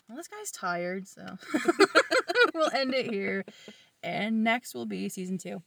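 A woman co-hosting a casual podcast, talking in a chatty, expressive, teasing way. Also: a little high, slow pace, gravelly, no echo, recorded from a distance. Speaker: podcast co-host. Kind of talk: casual chat.

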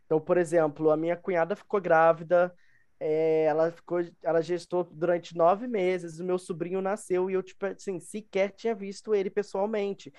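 Here the same kind of speaker, a young Brazilian Portuguese-accented man, shares personal anecdotes on a podcast in relaxed conversation, stressing points by repeating himself. He sits high in pitch at a normal speed, with a level, slightly mellow tone that's clear and resonant.

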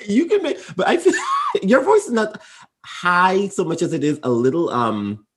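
A man's voice: high-pitched, sing-song, unhurried. A man co-hosting a casual podcast chat, playful and teasing, laughing often. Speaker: podcast co-host.

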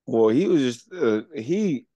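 A man's voice: medium pitch, lively intonation, slow, warm tone, dry recording. A man co-hosting a casual podcast speaks in an ordinary mid-range voice. He talks bluntly, swears freely and likes to play devil's advocate. His voice is recorded close and dry, with no room sound. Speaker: podcast co-host. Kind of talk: casual chat.

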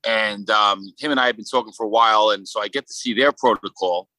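A man with a Brooklyn accent talking casually as a podcast guest, in a halting, rambling way full of "you know". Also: fairly low pitch, fairly even intonation, sharp tone, dry recording, rough recording. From Brooklyn, New York. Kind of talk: casual conversational interview.

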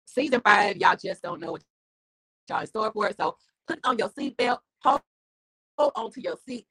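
A woman from Mississippi co-hosting a casual chat, energetic and preacherly, exclaiming. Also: medium pitch, normal speed, slightly rough, no room sound. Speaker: co-host.

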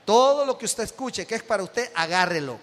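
A man's voice: high voice, expressive, fairly quick, a bit bright. A man with a Salvadoran accent preaching a sermon as pastor, joking with the congregation, acting out everyday scenes and calling out to them. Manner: calls out to the congregation. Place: church hall. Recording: echoey hall with long reverb.

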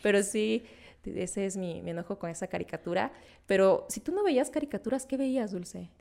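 A young Mexican woman with a mid-range voice and vocal fry talks fairly quickly as co-host of a casual, nostalgic podcast chat. She's animated, telling slang-filled stories and laughing often.

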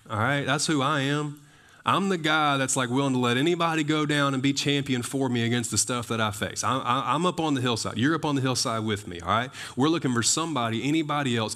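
A man's voice: mid-range voice, a bit bright. A man preaching a sermon in a loose, conversational way, full of fillers and rhetorical questions. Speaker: pastor.

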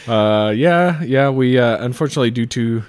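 A man's voice: mid-range voice, normal speed, darkish tone, no room sound, clean studio sound. A man co-hosting a podcast in casual comedic chat, setting up pun jokes dryly with hesitant fillers. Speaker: podcast co-host.

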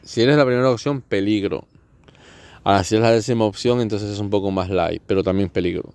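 A man's voice: on the low side, fairly quick, darkish tone, smooth, no room sound. A man from Catalonia, hosting a podcast in a sarcastic, profane comedic monologue. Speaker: podcast host.

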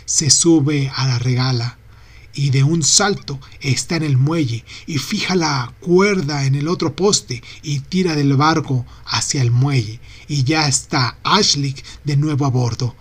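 A man narrating a literary novel in a steady, unhurried reading voice. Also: mid-range voice, slightly rough. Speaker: audiobook narrator.

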